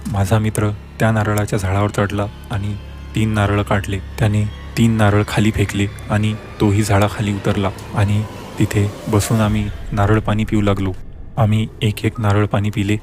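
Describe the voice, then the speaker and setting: A man reading a scripted horror story aloud as a storyteller, in an even, steady manner. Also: on the low side.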